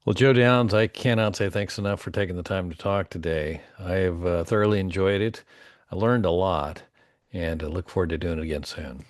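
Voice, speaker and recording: A man's voice: low-pitched, steady tone, fairly quick, no room sound, studio quality. A man hosting a podcast, friendly and upbeat as he wraps up the interview. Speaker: podcast host.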